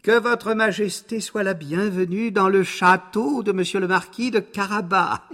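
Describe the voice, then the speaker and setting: A man voicing a sly, scheming male talking cat in a storybook reading, with courtly flattery. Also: high voice, unhurried, voice pushed up. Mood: flattering. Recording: voice over background music.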